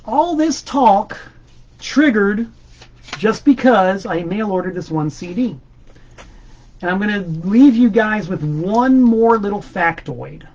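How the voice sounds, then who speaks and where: A man's voice: high voice, dull audio. A man hosting a casual monologue about records, enthusiastic and rambling, with emphatic repeats. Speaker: host.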